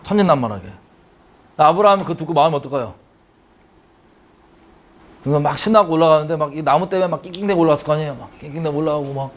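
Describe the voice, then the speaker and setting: A man leads a Bible study in a fairly high voice. He tells the story with drama, acting out the characters' cries and turning to his listeners with questions.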